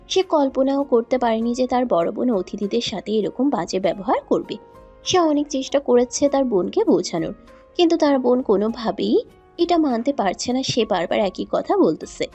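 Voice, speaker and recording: A woman narrates a love story in a dark, husky voice with a calm storytelling manner. The recording sounds dull and lo-fi, with faint music underneath. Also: a little high.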